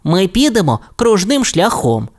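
A sensible little T. rex boy in a storybook tale, as a man puts him on. The voice sits well above a grown man's and moves in lively swings. He speaks firmly and scolds with calm authority. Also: high voice, measured pace, voice pushed up, heavily acted. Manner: firm, scolding.

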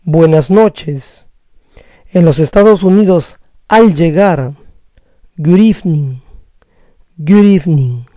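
A man leads a slow vocabulary drill, saying each phrase twice, and his somewhat high voice stays mellow. He speaks at a very unhurried, measured pace, recorded dry with no room echo. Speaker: language teacher.

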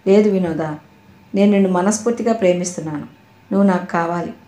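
An earnest middle-aged man pleads his love with insistence, as a woman reading an audio novel gives him voice. The tone is mellow and soft-edged. The recording carries a roomy echo. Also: lowish voice, steady tone, fast talker, close to an everyday voice. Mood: pleading.

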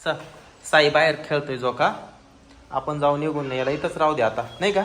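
Picking up his kid from a school classroom, a parent records a casual vlog in a fairly high, fairly bright voice at normal speed, with a little hiss or hum audible. His talk is a string of short, repeated questions that swing between coaxing and scolding.

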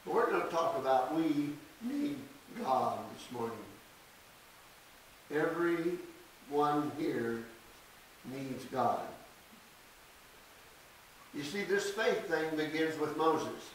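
Older male preacher, slow deliberate delivery, fairly high voice, echoey church picked up from afar. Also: animated. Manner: slow, deliberate scripture reading with emphatic stresses. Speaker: pastor. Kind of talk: sermon. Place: small church sanctuary. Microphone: podium mic from a distance. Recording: echoey church, distant mic, faint hiss.

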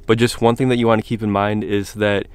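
Guy sounding sick, lowish smooth voice, laid back with lots of ums, talking in his car. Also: fast talker, dry recording. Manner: relaxed, many ums and uhs. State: sick, hoarse voice. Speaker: car channel host. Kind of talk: casual product walkthrough. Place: inside a car.

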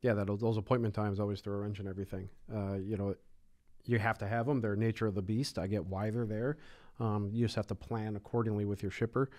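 A man on a casual work panel talks quickly and chattily, with a folksy streak and the odd pop-culture joke. His voice sits on the low side. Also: flat delivery, a little mellow. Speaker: logistics panelist.

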